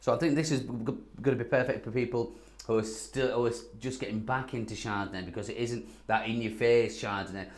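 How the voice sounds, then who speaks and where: A man's voice: mid-range voice, fairly even intonation, quick pace. A man co-hosting a casual wine tasting, agreeable and lightly teasing. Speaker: wine reviewer co-host.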